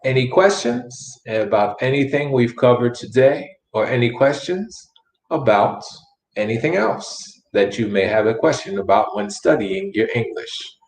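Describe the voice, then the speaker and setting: Slow, careful male English teacher. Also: mid-range voice, lively intonation, a little hiss or hum. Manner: slow, deliberate enunciation, repeating words. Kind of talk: bilingual language lesson. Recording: echoey room.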